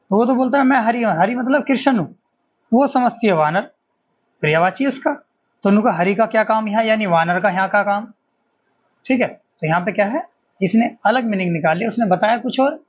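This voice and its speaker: A man's voice: high-pitched, muffled recording. A man teaching an exam-prep grammar lesson, explaining step by step and answering his own questions.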